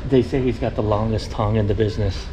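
A man's voice: lowish voice, steady tone, fast, background noise. A man vlogging a casual walking tour through a hotel, eagerly pointing things out as he goes. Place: hotel lobby and hallways, indoors.

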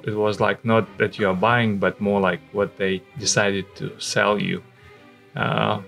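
A man in his forties speaks English with a Russian accent. His voice sits a little low and has a strong vocal fry. He recounts memories conversationally into a close studio mic. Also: a bit bright. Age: 40s. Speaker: interview guest, missionary. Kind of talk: conversational personal recollection. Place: indoor studio. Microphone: microphone on a stand, close.

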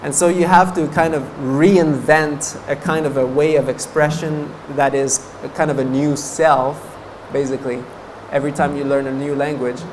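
A man in his thirties, a Buddhist monk from French-speaking Canada with French as his first language, delivers a casual dharma talk at a meditation course, laughing frequently between fillers. His fairly high voice keeps fairly even intonation at a moderate pace with hardly any pauses, on poor audio with a little hiss or hum. He sits before a banner in a meditation hall, moving his hands, a stand mic in front of him.

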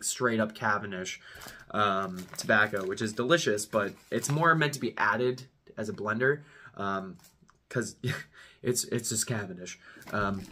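A man's voice: lowish voice, bright, forceful tone, slight background noise. A man in his twenties chatting casually to camera as he gives a review, laid-back, rambling and slangy. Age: 20s. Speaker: pipe tobacco reviewer, video host. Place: small room at home.

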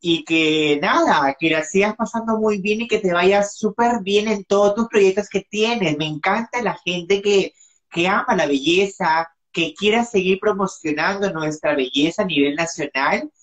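A woman's voice: medium pitch, a little slow. A woman hosting a casual live-stream interview over a video call, giggly and teasing, with dramatic exclamations. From Peru. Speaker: host.

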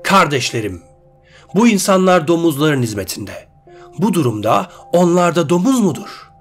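A cruel, scheming sorcerer, as a male storyteller puts him on, who mocks his captives and coolly sways his followers. His voice sits at a middling pitch. Soft music plays behind him. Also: expressive, normal speed, lightly acted. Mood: rousing. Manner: mocking, coldly persuasive. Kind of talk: storybook character voice.

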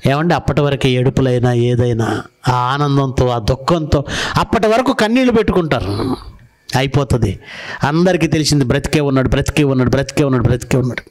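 A man's voice: medium pitch, animated, brisk. A man preaching a sermon, telling stories and asking his listeners rhetorical questions. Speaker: pastor.

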